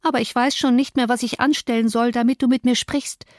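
A woman's voice: on the high side, fairly even intonation, a little fast, dry recording, pitched above the performer's own voice, close to an everyday voice. A woman reading an audiobook, voicing a proud, hurt young woman who pleads in tearful outbursts, in a dry recording. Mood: pleading. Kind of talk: audiobook character voice.

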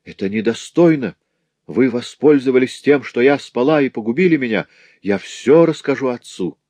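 A man's voice: medium pitch, animated, normal speed, darkish tone, no echo, pitched above the performer's own voice, natural voice. A man reading a story aloud, voicing a wronged young working woman telling of her ordeal. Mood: desperate. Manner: pleading, anguished.

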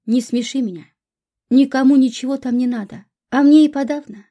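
A woman's voice: high-pitched, a little fast, mellow, lightly acted. Woman reading a flighty young student, pleading. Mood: coaxing. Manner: pleading, playful, coaxing.

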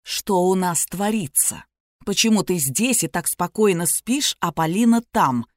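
A woman reading an anxious middle-aged businessman and father, hoarse and pleading. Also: lowish voice, expressive, a little slow, no room sound, studio quality. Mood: bewildered. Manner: hoarse, pleading and shouting by turns.

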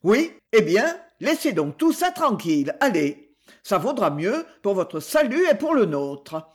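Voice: mid-range voice, big pitch swings, unhurried, husky. A reader voicing a hulking, blustering Prussian major who protests indignantly in an audiobook.

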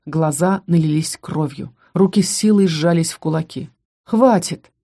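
A woman narrating a first-person fantasy audiobook in a steady, even storytelling manner. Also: low voice, normal speed.

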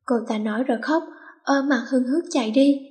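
A woman narrating an audiobook story in a brisk, playful way. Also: high voice, darkish tone.

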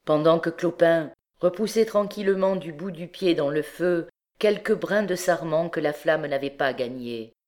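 A woman's voice: deep voice, normal speed, few pauses, a little mellow. Woman reading a classic novel aloud. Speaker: audiobook reader. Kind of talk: literary audiobook narration.

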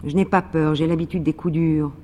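A man reading as a calm, steady young father. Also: a little high, fairly quick, slight background noise, natural voice. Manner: calm, composed.

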